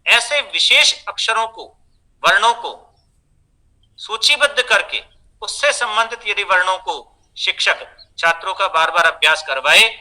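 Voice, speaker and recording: A man giving a measured, explanatory lecture on teaching pronunciation, pausing often. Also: high voice, expressive, pushed and bright, poor audio. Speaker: teacher trainer.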